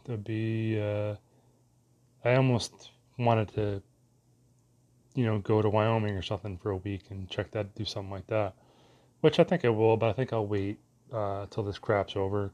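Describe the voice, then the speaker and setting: Male vlogger, lowish voice, loose meandering casual talk, lots of fillers. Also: darkish tone. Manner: meandering, many fillers, mild cursing. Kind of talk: casual rambling monologue.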